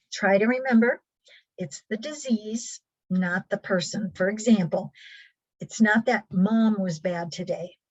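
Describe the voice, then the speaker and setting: A woman's voice: medium pitch, darkish tone, lo-fi sound. A woman presenting a caregiver training workshop, talking patiently and earnestly with frequent ums and restarts.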